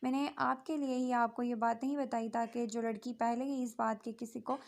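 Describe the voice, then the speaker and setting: A woman's voice: a little high, level tone, normal speed, close to an everyday voice. A woman voicing a playful young man who teases and jokes, in a storybook reading. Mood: teasing. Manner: jokey, teasing.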